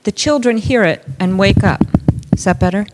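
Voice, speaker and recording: A woman reading a picture book aloud in a deliberate, pausing way, acting out short bits of dialogue and saying Spanish words a little haltingly. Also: mid-range voice, heavy background noise. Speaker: reader of a children's story at a church service. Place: church service, reading aloud to a gathering.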